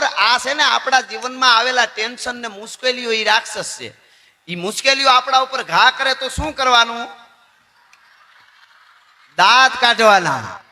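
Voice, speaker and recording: Guy preaching folk tales to kids and elders, bright voice, big echoey hall. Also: high-pitched. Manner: animated, preaching, addresses children and elders. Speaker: folk storyteller. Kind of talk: devotional folk storytelling to an audience.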